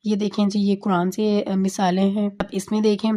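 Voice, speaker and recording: A woman tutor patiently explaining a tajweed lesson, often checking in with "okay", slowing down to recite verses. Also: medium pitch, little pitch movement, mellow. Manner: patient, repeats "theek hai" often; slows down to recite Quranic verses.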